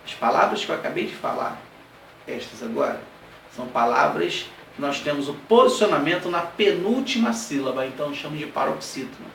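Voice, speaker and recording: A man teaching an exam-prep grammar lesson, explaining step by step, checking in with his students and spelling out examples slowly. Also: on the high side, lively intonation, gravelly, fairly bright tone. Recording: roomy classroom sound, heard from a distance, light background noise.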